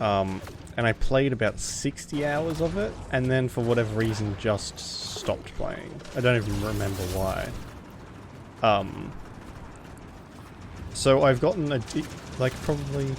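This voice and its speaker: A man doing casual live-stream game commentary in a halting, rambling way, swearing offhand. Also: mid-range voice. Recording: clearly noisy home stream recording. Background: background noise, cat scratching at door.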